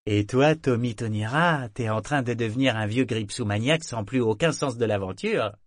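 A man's voice: medium pitch, normal speed, no echo, clean studio sound, close to an everyday voice. Man voicing Ophélie, a rich-voiced ship figurehead. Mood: teasing. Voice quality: rich timbre. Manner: energetic, chiding. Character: lively female living ship figurehead, fond and teasing.

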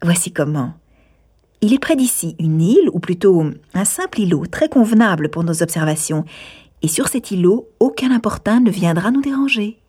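Calm helpful young gent, read by a woman, steady and reassuring, soft husky voice. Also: mid-range voice, normal speed.

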